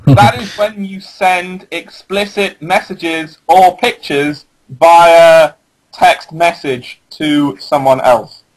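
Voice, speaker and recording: A man's voice: fairly high pitch, steady tone, slow, low-quality recording. A man on a casual radio chat, wry and mock-serious in his joking.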